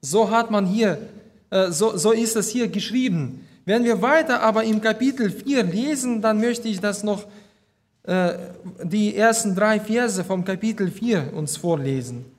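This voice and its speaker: A man preaching a sermon, reading Bible verses aloud and explaining them slowly and deliberately, with some hesitations. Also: high-pitched.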